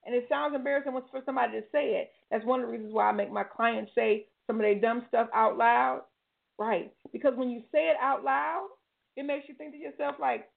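A woman's voice: fairly high pitch, creaky. An older woman hosting a talk show, giving preachy, folksy motivational advice and repeating her key phrases. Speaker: talk show host and life coach. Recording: tinny phone-like line.

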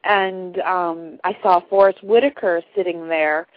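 A woman's voice: fairly low pitch, fairly even intonation, a little slow, phone-quality sound. A woman from Michigan hosting a casual radio interview, chatty and laughing. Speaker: radio host.

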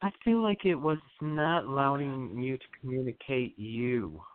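A man hosting a radio psychic reading, guiding a caller through breathing in a soothing, halting way with many fillers. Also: medium pitch. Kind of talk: spiritual energy reading on air. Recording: phone-like narrow sound.

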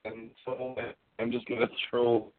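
A man's voice: medium pitch, level tone, a little slow. A man chatting casually as a sports show panelist whose audio glitches and keeps cutting out, speaking hesitantly and trailing off. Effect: glitching audio, mic cutting in and out. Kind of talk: casual sports chat on a call. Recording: thin phone-like, dry online call.

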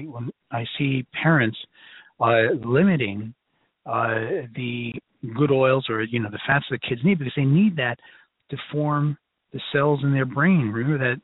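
A man's voice: medium pitch, breathy edge, no echo. A man with a Brooklyn accent giving an informal, emphatic lecture to a class in a conversational, folksy way. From Brooklyn, New York. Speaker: lecturer, health educator. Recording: narrow phone-like line.

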